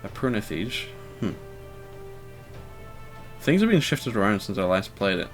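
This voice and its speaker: Rambling low-voiced man playing a game. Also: big pitch swings, a little slow, faint music behind. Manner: rambling, hesitant, lots of fillers; self-deprecating and wry. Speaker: let's player. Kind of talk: casual gameplay commentary.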